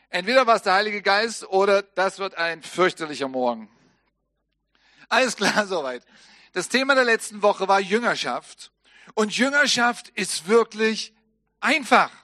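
A man preaching a sermon, telling the story in lively fashion and dropping to a soft, low voice for solemn moments. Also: no room sound, studio quality. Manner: lively storytelling preaching, acting out quoted lines.

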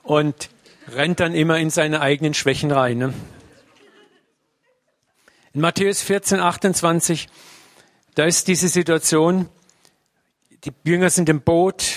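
Man, preacher, conversational sermon, slightly high voice, dry close sound. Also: no room sound. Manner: conversational, uses tag "ne?" often.

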